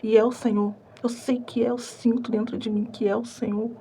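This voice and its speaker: A woman's voice: on the high side, flat delivery, normal speed, dark tone, slight background noise. A young Brazilian woman telling an earnest, emotional religious testimony at home at night, half-whispering so as not to wake her family. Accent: Brazilian Portuguese. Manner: earnest, emotional, repeats phrases for emphasis. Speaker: vlogger. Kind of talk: hushed late-night testimony vlog.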